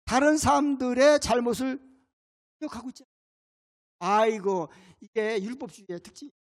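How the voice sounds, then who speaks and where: A man's voice: extremely high pitch, moderate pace, big-room sound. A male pastor delivering a sermon in an emphatic way, putting rhetorical questions to his congregation.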